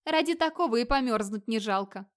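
A radiant young Valkyrie woman speaks with a bright, merry lift in her voice, friendly and glad to be among people. A woman reader puts her on in an audiobook, her tone a little higher than a typical woman's. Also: expressive, a little fast, lightly acted. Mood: pleased.

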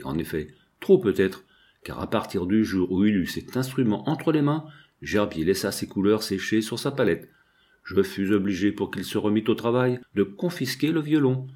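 A man reading a first-person literary novel as an audiobook, measured and expressive. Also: on the low side. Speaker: audiobook narrator.

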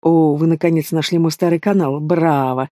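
A man's voice: a little high, fairly even intonation, moderate pace, mellow, no room sound, clean studio sound, close to an everyday voice. A man voicing a sneering young male villain in an audiobook, taunting and drawling with casual menace. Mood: scornful. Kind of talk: audiobook character voice.

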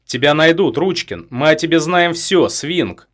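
A man voicing a frightened but defiant female investigator, pleading and shouting. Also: lowish voice, animated, brisk. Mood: desperate, defiant. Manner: pleading, shouting in raised tones.

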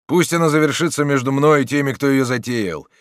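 Defiant wounded young nobleman, proud and shouting, voiced high and loud by a male narrator. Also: brisk, no echo, clean studio sound, natural voice. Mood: grave warning.

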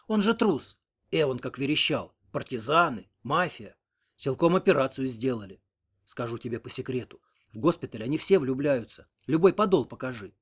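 A man's voice: medium pitch, breathy edge. Cranky old village woman, sarcastic and scolding, read by a man. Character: sharp-tongued old village woman, grumbling.

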